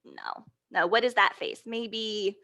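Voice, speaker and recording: A woman of medium pitch reads a picture book to young children at a slow pace, with some vocal fry and soft music playing in the background. She is animated and supportive, repeatedly asking questions and answering them herself.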